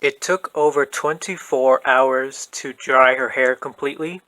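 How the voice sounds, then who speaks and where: A man calmly talking through a hair-setting tutorial in a voice-over, soft-spoken and methodical. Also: medium pitch, a little slow, dry recording, low-quality recording. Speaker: doll hair tutorial host. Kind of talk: calm instructional voice-over.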